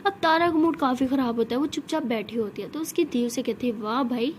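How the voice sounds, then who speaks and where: A woman's voice: high-pitched, quick pace, slight background noise. A woman telling a love story in a casual, chatty storytelling style. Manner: chatty, retelling with "so she says".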